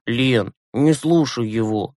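A man reading an audiobook, voicing a timid, gentle young boy who speaks softly and hesitantly. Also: mid-range voice, takes it slowly, no room sound, studio quality, close to an everyday voice. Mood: pleading. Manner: hesitant, soft.

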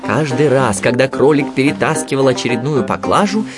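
A man reading a children's storybook aloud in an expressive, lilting way. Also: medium pitch, a little fast, loud music behind the voice. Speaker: narrator.

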